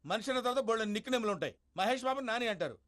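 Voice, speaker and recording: A man's voice: sits high, lively intonation, very fast, a bit bright. A man acting in a film comedy, fussy and exasperated. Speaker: film actor in a comedy scene. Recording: film audio with clear background noise.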